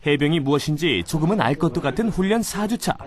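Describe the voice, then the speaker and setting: A man's voice: on the high side, animated, quick pace. A man reading scripted narration for a military documentary. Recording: music behind voice-over. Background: music.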